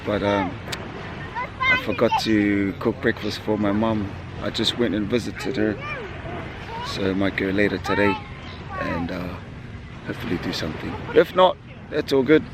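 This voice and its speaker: Laid-back man vlogging in loud crowd noise. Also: lowish voice, very animated, moderate pace. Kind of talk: casual vlog chat. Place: mostly outdoors in noisy public places. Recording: noisy outdoor crowd and traffic ambience. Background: crowd and street noise.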